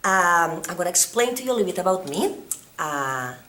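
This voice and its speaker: A woman's voice: fairly low pitch, sing-song, a little fast, pushed and bright. A woman from Spain with a Catalan-Spanish accent, a Spanish teacher introducing herself with frequent hesitations and fillers. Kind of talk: introducing herself at back-to-school night.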